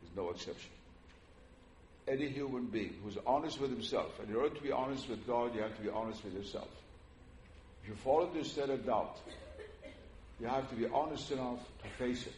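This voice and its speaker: With a mid-range, slightly mellow voice, an older man from Iran lectures an audience on religion in a hall; his first language is Persian. His manner is earnest and measured, full of "uh" pauses, and the hall sounds roomy with a little noise.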